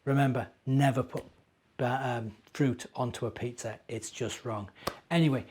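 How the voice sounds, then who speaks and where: Slight background noise sits behind a middle-aged British man whose mid-range voice is a little mellow, with fairly even intonation and normal speed. A minister and storyteller, he chats with young children, offering simple explanations and questions.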